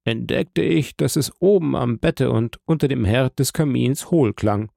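A man's voice: medium pitch, unhurried, gravelly, mellow, no echo, studio quality. A man voicing a humble, eager old prison guide in an audiobook, speaking in a deferential, wondering way. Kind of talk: audiobook character reading.

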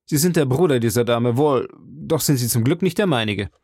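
A man's voice: a little high, sing-song, brisk, darkish tone, dry recording, studio quality, voice pushed up. D'Artagnan, a man doing a fiery young swordsman. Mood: defiant gallant. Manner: raised, challenging, courtly speech. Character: young hot-headed male swordsman, bold and courtly.

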